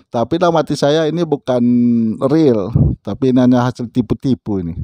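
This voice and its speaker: A man recounts a personal experience in a relaxed, conversational way and often pauses for quick asides to his listener. His voice is mellow and dark, with a middle pitch. The recording is dry, with no room sound. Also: no echo. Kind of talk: casual spoken storytelling.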